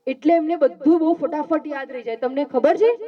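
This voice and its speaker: Woman, high voice, children's sermon, coaxing question-and-answer style, distant, muffled recording. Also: brisk. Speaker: Jain nun giving a talk to schoolchildren. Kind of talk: simple sermon to children with call-and-response questions. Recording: dull sound from far off the mic.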